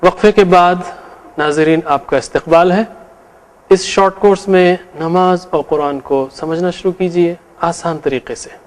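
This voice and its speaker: A middle-aged male teacher gives a grammar lesson in a patient, explanatory way. His voice sits a bit on the high side. He walks through conjugations in measured, recited drills. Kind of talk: explanatory lecture.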